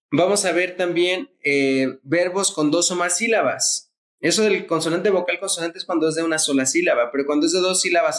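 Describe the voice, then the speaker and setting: A man's voice: on the high side, a bit bright. A man teaching English grammar in Spanish, spelling words letter by letter and repeating the key points. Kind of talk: explaining grammar rules.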